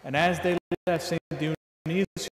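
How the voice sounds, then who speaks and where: Priest guy preaching slow and earnest, big church, lots of reverb, a bit far off. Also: fairly high pitch, fairly even intonation, a little hiss or hum. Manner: measured, earnest preaching with slow emphatic phrases. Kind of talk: sermon. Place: large church, indoors. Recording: echoey church hall from a distance.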